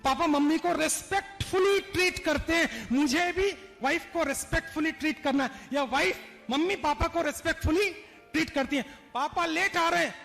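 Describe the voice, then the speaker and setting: Man, motivational speaker on stage, animated storytelling, urges audience replies, long hall reverb. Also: extremely high pitch, moderate pace, vocal fry, faint music behind. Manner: animated, acts out stories, urges audience responses.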